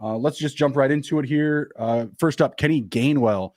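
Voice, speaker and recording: A man co-hosting a casual fantasy football podcast, rattling off stats quickly with plenty of fillers. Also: mid-range voice, a little mellow, no echo, clean studio sound. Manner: quick, upbeat, stat-heavy talk with fillers. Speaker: podcast co-host.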